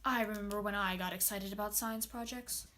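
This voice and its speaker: A woman's voice: mid-range voice, lightly acted. A woman voicing young Sherlock, a clever, bored, know-it-all boy, acting in an amateur audio drama. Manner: cocky, excitable, quick to complain of boredom. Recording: roomy echo, faint noise.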